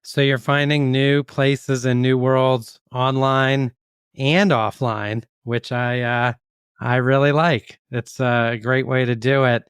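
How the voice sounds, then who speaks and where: A man's voice: medium pitch, flat delivery, slow pace, clean tone, dry recording, studio quality. A man hosting a podcast, asking friendly questions with many "uh" fillers and reading a sponsor message. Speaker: podcast host. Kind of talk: interview hosting and ad read.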